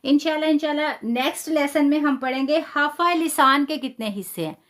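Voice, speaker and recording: Woman, high voice, patient tajweed teacher, stretched example syllables, praises students. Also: fairly bright tone. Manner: patient, explains step by step and drawn-out demonstration syllables. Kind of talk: live online lesson.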